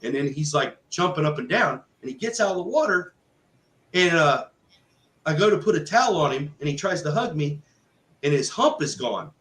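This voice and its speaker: A man telling a story in a casual, lively way, with many fillers and acted-out quotes. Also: a little high, moderate pace. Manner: animated, conversational, full of fillers and quoted speech. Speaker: guest telling a testimony. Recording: roomy echo with faint background noise.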